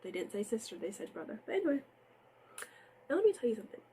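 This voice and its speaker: A woman's voice: a little high, sing-song, quick pace, warm tone, slight background noise, poor audio. Nasal woman with sniffles. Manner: outspoken, exasperated, talks straight to viewers. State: stuffy with sniffles. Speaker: TV recap host. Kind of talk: casual recap commentary.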